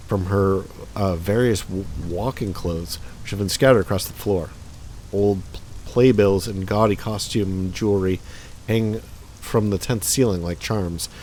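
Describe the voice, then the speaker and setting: A man's voice: fairly low pitch, a little mellow, a little hiss or hum. A man hosting a let's play, casually reading game text aloud with chatty asides and small slips.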